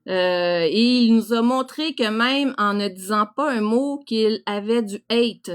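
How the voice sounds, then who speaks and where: High-voiced, slow-paced Québécois woman. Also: smooth. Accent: Québécois French. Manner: crude, teasing, frank, colloquial talk. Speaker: livestream host. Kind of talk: casual live chat reacting to viewers.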